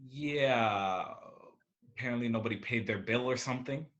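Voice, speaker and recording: A man speaking casually in a hesitant, low-key way. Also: normal speed, a bit bright, muffled recording. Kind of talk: casual chat.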